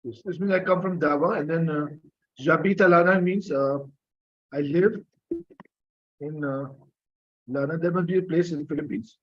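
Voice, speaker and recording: A man's voice: a little high, steady tone, moderate pace, long pauses, highs cut off. A man teaching an online French class, patiently coaxing students for answers, with many fillers and coughs. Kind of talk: live online class lecture.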